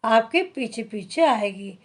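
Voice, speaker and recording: Woman, devotional reading, slow and unhurried, somewhat high voice, earnest instructive tone. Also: lively intonation. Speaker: reader of a daily spiritual discourse.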